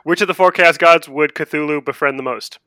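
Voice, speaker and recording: A man with a bright, forward voice, pitched a little high, recorded close and dry. He hosts a casual talk podcast, reading listener questions and joking in a mock-grandiose way. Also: brisk, dry recording. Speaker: podcast host.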